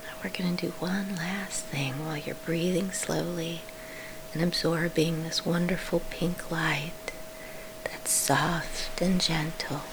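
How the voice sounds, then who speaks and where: A woman leading a guided sleep meditation in a soft, soothing whisper, pausing between short phrases. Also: sits low, fairly even intonation, noisy background.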